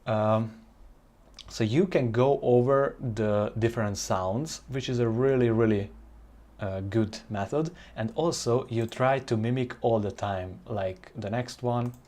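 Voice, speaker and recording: Male language-learning presenter, native Hungarian with that accent, medium pitch, informal and somewhat halting explanations. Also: mellow. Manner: halting, searching for words, non-native phrasing.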